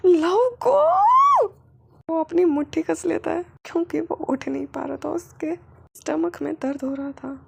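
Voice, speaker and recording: Brief: woman storyteller reading fan fiction, high pitch, strong vocal fry. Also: fairly even intonation, normal speed, very noisy.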